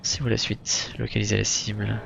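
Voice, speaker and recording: A man with a very creaky voice giving casual let's play commentary as the video's host. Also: lowish voice, completely flat delivery, normal speed, highs cut off. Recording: game music behind the voice.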